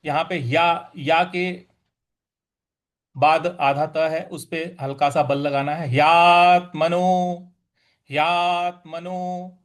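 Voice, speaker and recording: A man with a fairly high voice leads a recitation lesson. He explains each syllable patiently and chants the words at an extremely slow, drawn-out pace. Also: fairly even intonation. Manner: patient, explains stress then chants each word slowly. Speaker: teacher of Gita recitation.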